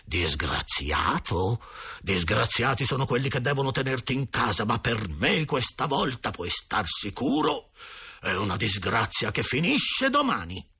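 A man's voice: medium pitch, sing-song, normal speed, sharp tone, breathy edge, full character voice. A man reading an audiobook, voicing a stern adult man who speaks with clipped irony. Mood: sarcastic. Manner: ironic, clipped.

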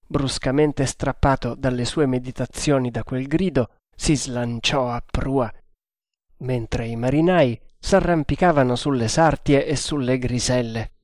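A man reading an adventure novel aloud in a measured, deliberate narration. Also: mid-range voice, no room sound, clean studio sound.

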